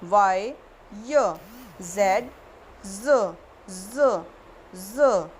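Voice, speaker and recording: Slow, careful woman teaching phonics. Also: medium pitch, animated, slight background noise. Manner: slow, deliberate, repeats each letter sound. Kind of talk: children's phonics lesson.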